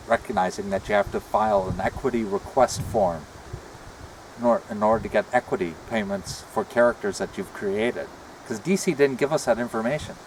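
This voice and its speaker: A middle-aged man chatting casually and reflectively in a halting way, talking out of the side of his mouth. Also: on the low side, vocal fry, a little mellow, a little hiss or hum, poor audio. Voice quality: talks out of one side of the mouth. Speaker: retired comic book artist showing a car. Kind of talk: casual rambling chat. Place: outdoors beside a parked car.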